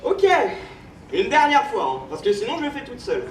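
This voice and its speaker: A woman's voice: on the high side, big pitch swings, brisk. A woman playing a bossy, gleefully evil young witch in a live children's stage play, an unhinged villain who shrieks and cackles. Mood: exasperated. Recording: echoey noisy hall from far off.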